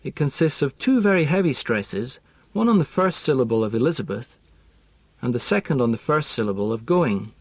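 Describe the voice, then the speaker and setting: Man explaining pronunciation stuff slowly and precisely, dry close recording. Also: medium pitch, darkish tone, no room sound. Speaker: language teaching expert. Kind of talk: scripted explanatory lesson.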